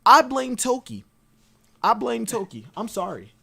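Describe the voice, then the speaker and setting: A guest on a livestreamed talk show, chatting casually about anime theories in an animated way and wandering off on side tangents. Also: medium pitch, unhurried, creaky, husky. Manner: rambling and animated, full of digressions. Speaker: podcast guest.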